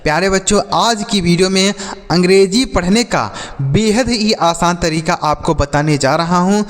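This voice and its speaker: A man teaching an English phonics lesson to children. He asks questions and answers them himself, and slows down to spell out letters. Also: high voice, big-room sound.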